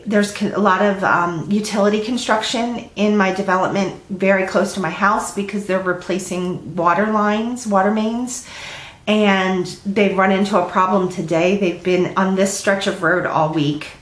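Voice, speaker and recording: Congested with a cold, a middle-aged flosstube host rambles casually about stitching from her home, peppering her talk with ums. She has a mid-range voice. The recording is rough and the room echoey.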